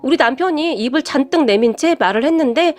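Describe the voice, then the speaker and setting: A woman narrating her own story in the first person, calm and matter-of-fact. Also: high voice, fairly quick.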